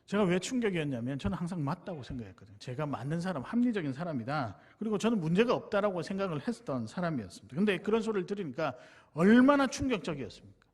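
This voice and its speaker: A man's voice: fairly high pitch, very animated, fast talker, breathy edge. A middle-aged male pastor from Busan, preaching a sermon and telling a personal story in an earnest, confessional way that speaks straight to his congregation. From Busan, South Korea. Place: church sanctuary.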